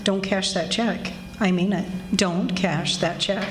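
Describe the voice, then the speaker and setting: Haughty society wife played by an actress, echoey room. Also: female voice, medium pitch, fairly even intonation, takes it slowly, soft background music, natural voice. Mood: indignant. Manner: stern, snooty. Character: haughty middle-aged society wife, frosty and domineering. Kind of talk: 1940s radio drama acting. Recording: echoey room with background noise.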